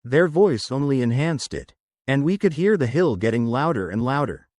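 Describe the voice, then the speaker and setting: A man giving a scripted first-person horror narration in a steady storytelling read. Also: medium pitch, normal speed, no room sound, studio quality.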